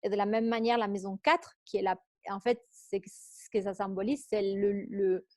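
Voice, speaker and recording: A woman with a foreign accent, working as an astrology coach, leads an online astrology workshop in a chatty way, laughing easily and reading out questions from participants. Her medium-pitched voice is a little mellow, with fairly even intonation and normal speed. The sound is studio quality with no echo.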